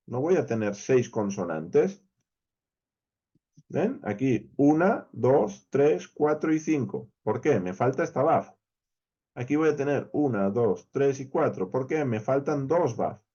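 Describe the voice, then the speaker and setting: A man's voice: mid-range voice, warm tone, dull audio. A man with a Spain Spanish accent, teaching a verse-by-verse Hebrew Bible lesson. He explains step by step, counts letters aloud and checks in often with his listeners.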